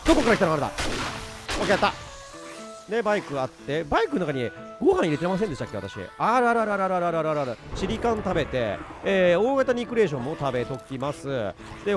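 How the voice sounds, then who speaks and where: Male game streamer, high and lively delivery, swings from mumbling to yelping, game music underneath. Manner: animated, talks to himself, jumps from muttering to excited outbursts. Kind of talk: let's play commentary.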